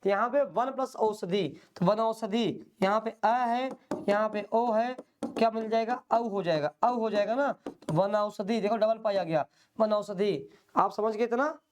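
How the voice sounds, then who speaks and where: A man's voice: high voice, unhurried. Man drilling a grammar lesson. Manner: drills by repeating questions and answers; plain, patient explaining. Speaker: exam-prep teacher. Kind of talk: online lecture.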